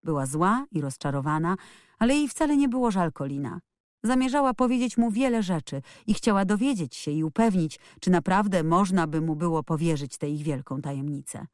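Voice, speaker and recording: A woman narrating an audiobook in an expressive, lively storytelling manner. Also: fairly low pitch, brisk, no echo, clean studio sound. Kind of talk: scripted narration.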